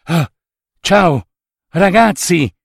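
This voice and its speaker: Guy putting on a high whiny skeleton, touchy old pile of bones, voice bounces all over. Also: animated, drawn-out words, creaky, husky, no echo, clean studio sound, full character voice. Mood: gloomy. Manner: whiny and complaining.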